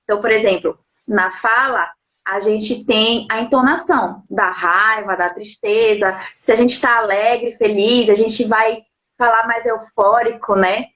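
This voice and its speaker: A woman's voice: fairly high pitch, fairly even intonation, a little slow, fairly bright tone, highs cut off. A woman interpreter and lawyer explaining things patiently at home, often checking in with little tag questions. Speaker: sign language interpreter and lawyer. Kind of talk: explanatory live interview talk.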